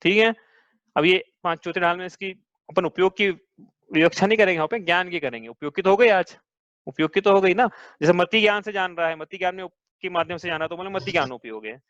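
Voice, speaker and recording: High-voiced man teaching a scripture class. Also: quick pace, a bit bright, dry recording. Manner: patient, asks students questions. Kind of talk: religious class lecture. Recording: dull lo-fi sound, dry.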